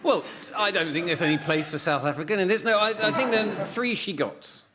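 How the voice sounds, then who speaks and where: A man on a radio comedy panel, talking in a lively, jokey way. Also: sits high, brisk, background noise. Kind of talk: witty panel game talk.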